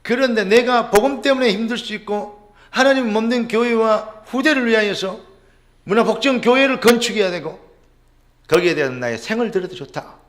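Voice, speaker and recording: A middle-aged male pastor preaching a sermon, asking rhetorical questions and dropping suddenly to a low murmur. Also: brisk, fairly bright tone.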